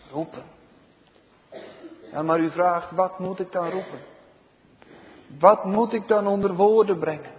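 Slow emphatic preacher, reverberant church. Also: male voice, sits high. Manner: slow and emphatic, swells loud then drops to a hush. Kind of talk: sermon. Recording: dull reverberant church recording.

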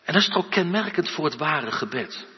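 Male preacher, husky voice, slow earnest sermon, dull recording with long church echo. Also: a little high, expressive. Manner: slow, earnest preaching with rising emphatic outbursts.

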